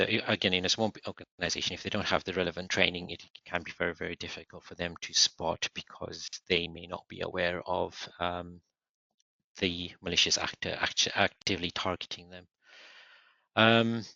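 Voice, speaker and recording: A slightly hoarse man talks low and gravelly, with an edge of brightness. He presents on a video call, halting, restarting and filling gaps as he goes. The sound is dull and lo-fi. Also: dry recording. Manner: halting, many restarts and fillers. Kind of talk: unscripted online presentation.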